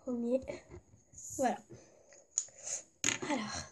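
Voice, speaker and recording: High-voiced congested woman vlogging. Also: fairly even intonation, very slow, a little mellow, slight background noise. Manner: rambling, full of fillers. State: congested from a cold. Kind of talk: casual vlog chat.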